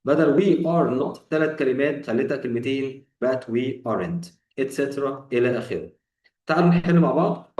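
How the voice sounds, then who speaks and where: A man's voice: mid-range voice, a little mellow, far from the mic. A man with an Egyptian Arabic accent teaching an English grammar lesson, explaining step by step, repeating examples and asking rhetorical questions. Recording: echoey room, voice off-mic.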